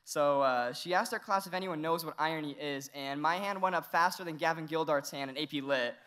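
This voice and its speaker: His voice runs fairly high, quick and bright as this Iranian teenager delivers a valedictorian address from a podium on a big indoor stage. There's a little hiss or hum in the recording, and his earnest tone is sprinkled with humor and laughter.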